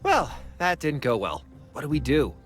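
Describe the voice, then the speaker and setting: A man's voice: a little high, very animated, moderate pace, faint music behind. A man voicing a friendly, wry young male sidekick in an adventure game. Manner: wry, joking.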